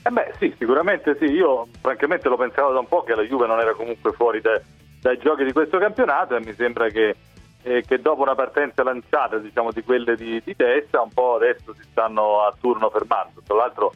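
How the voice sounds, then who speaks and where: A man's voice: mid-range voice, fairly quick, soft background music. A man discussing football as a radio guest over the telephone, hesitating and repeating words as he builds points. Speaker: newspaper editor as phone-in guest. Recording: narrow tinny phone line.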